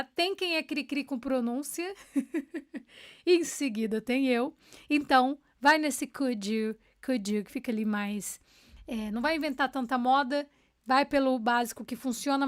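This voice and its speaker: Woman, high voice, English teacher, upbeat, patient explanations, slow clear repetitions. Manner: upbeat, checks in with viewers often. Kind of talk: online English lesson in Portuguese.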